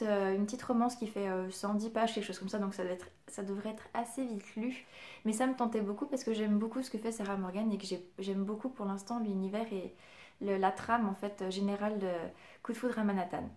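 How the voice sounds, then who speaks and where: A woman's voice: medium pitch, darkish tone. Chatty woman presenting her book haul. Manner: chatty, frequent hesitations and fillers; enthusiastic, giggly. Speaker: book vlogger. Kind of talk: casual book haul chat.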